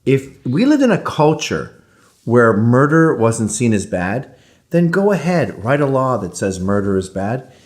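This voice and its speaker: A man's voice: medium pitch, big pitch swings, a little slow. A man speaking bluntly and animatedly as an interview guest, often acting out other people in mock voices. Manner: blunt and provocative. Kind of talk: casual interview talk.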